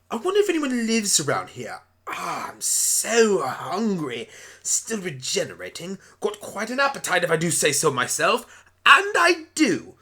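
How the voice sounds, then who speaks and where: Frantic Doctor Whooves, wildly swooping pitch acted out. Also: bright, forceful tone, husky, heavily acted. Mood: calmer, musing. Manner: frantic, exclamatory, chattering to self. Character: frantic, excitable alien Doctor turned into a talking pony. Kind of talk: hobby radio play character acting.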